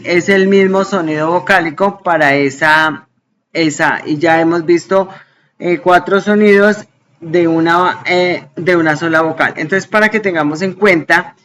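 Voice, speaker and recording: A woman English teacher explaining grammar in an online class, patient and explanatory, often checking in with quick questions. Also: fairly low pitch, fairly bright tone, a little hiss or hum.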